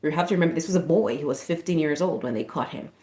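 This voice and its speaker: A woman's voice: deep voice, very fast, dark tone. A young woman in casual personal storytelling, heartfelt and rambling as she corrects herself, recalling an elderly patient she cared for. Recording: roomy echo.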